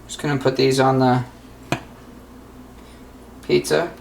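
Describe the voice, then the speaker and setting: A man's voice: medium pitch, little pitch movement, takes it slowly, gravelly, background noise. Rambling young man in an echoey kitchen. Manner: rambling, filler-heavy, easygoing. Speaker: vlogger. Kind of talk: casual vlog chat. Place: home kitchen, indoors.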